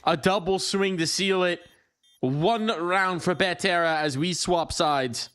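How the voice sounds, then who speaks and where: A man's voice: sits high, slow pace, a bit bright. A man giving live esports play-by-play commentary, making dramatic, declarative calls in clipped phrases. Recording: clear game noise, gunfire and clicks. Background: game gunfire and clicks.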